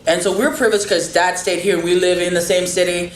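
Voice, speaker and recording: A woman podcast host with a lowish voice talks a little fast, her intonation fairly even, in a casual interview chat. She speaks earnestly and encouragingly about faith and family, recorded in a roomy space with faint background noise.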